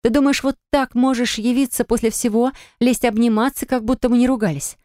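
A woman narrator voicing an indignant, stubborn young woman in an audiobook, answering in sharp, reproachful retorts. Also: on the high side, steady tone, brisk, dry recording, clean studio sound, voice pushed up, natural voice. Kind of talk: audiobook character reading.

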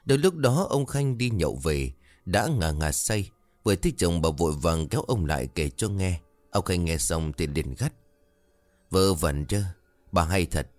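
Deep-voiced man telling a ghost story. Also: big pitch swings, normal speed, darkish tone, no room sound. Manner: voices the characters with raised pitch in frightened lines. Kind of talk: scripted ghost story narration.

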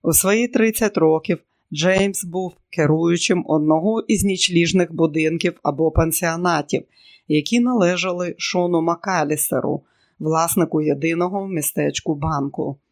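A man narrating an audiobook in a measured, steady way. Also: fairly high pitch. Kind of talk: scripted narration.

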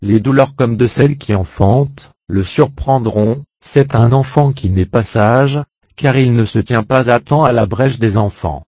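A man reading a Bible chapter aloud in a measured, solemn way. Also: mid-range voice, mellow, dry recording. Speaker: Bible reader. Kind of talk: scripted scripture reading.

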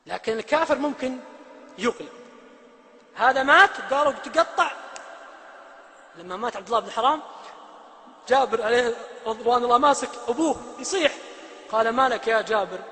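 A male preacher giving a sermon, swinging between loud emphasis and hushed quotes. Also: very high-pitched, animated, fairly quick, long pauses. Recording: long hall reverb.

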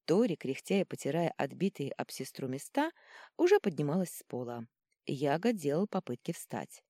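A woman narrating a fantasy audiobook in an expressive storytelling manner. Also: deep voice, normal speed, dry recording, studio quality. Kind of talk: scripted narration.

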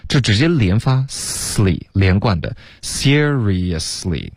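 Male radio English teacher, deep and animated, slows down to drill words. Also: slightly rough, no echo. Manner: explains pronunciation slowly, repeats English words.

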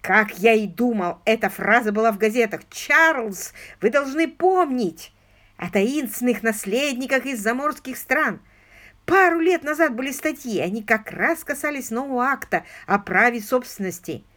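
A woman voicing a lively, aristocratic English gentleman detective in an audiobook, questioning eagerly and insistently. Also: a little high, normal speed, pitched above the performer's own voice. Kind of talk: audiobook character reading.

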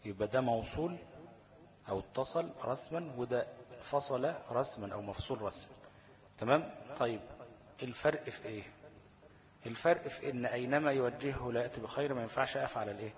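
A man with an Egyptian Arabic accent, teaching Quran recitation rules. He reads definitions slowly, then explains them in quick everyday speech, often asking a question and answering it himself. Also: medium pitch.

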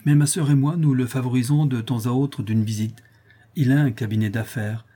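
A man's voice: medium pitch, steady tone, moderate pace, dark tone, husky. A man reading a novel aloud as an audiobook narrator, lifting his voice slightly for the characters' lines. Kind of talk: scripted narration.

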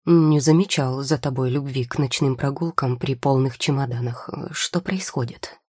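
A woman's voice: a bass voice, normal speed, darkish tone, breathy edge, no room sound, pitched below the performer's own voice. A woman voicing a teasing young male potion-maker who needles his rival with dry, mocking questions. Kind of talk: audiobook character voice.

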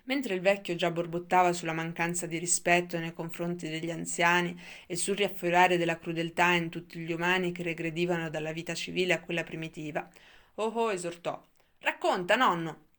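Woman reading a book aloud, gravelly voice, steady and measured. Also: fairly low pitch. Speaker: audiobook narrator. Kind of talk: scripted literary narration.

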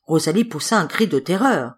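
A woman reading a fairy tale aloud as an audiobook narrator, calm and measured. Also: low voice, husky. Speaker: audiobook reader. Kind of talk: storybook narration.

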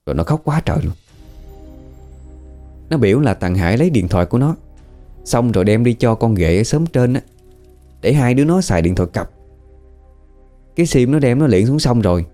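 A man's voice: deep voice, dark tone. Folksy Southern Vietnamese man telling a ghost story. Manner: chatty, folksy retelling with voiced quotes. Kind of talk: casual spoken ghost story.

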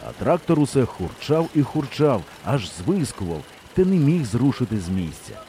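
A male audiobook narrator with a dark, mellow voice. He reads with lively, animated intonation that rises and falls with the story. A faint noise sits under the recording. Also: medium pitch, moderate pace. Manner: expressive storytelling reading. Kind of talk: scripted narration.

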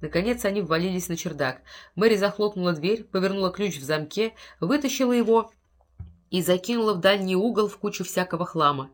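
A woman narrating a literary story in a measured, dramatic storytelling manner. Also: mid-range voice, lively intonation. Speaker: audiobook narrator.

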